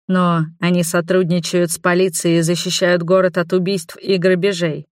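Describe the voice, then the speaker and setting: Woman audiobook narrator, low, expressive first-person reading, dry booth sound. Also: dry recording.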